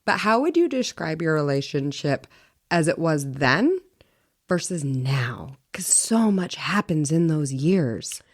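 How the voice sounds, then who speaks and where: A woman in her forties, co-hosting a podcast, telling animated stories with frequent laughter. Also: low voice, slow pace. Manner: animated storyteller, laughs often. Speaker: podcast co-host. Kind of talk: casual chat.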